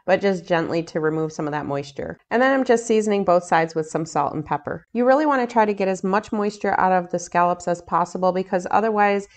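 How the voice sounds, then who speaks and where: A woman's voice: fairly low pitch, fast talker, few pauses. An older woman in her home kitchen, chatting casually as she walks through each cooking step for her vlog. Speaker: cooking vlogger. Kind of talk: casual cook-along narration.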